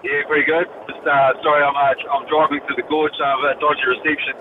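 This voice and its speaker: A man's voice: fairly high pitch, level tone, quick pace. A man phoning a radio quiz hands-free while driving, chatting casually. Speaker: phone-in quiz caller. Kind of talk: casual chat. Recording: tinny phone, noisy moving vehicle.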